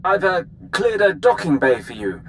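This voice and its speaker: A stammering station officer over comm radio. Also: male voice, high voice, very animated, normal speed, a little hiss or hum. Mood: flustered. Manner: stammering, flustered. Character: nervous, fawning male Imperial station officer. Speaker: space station controller.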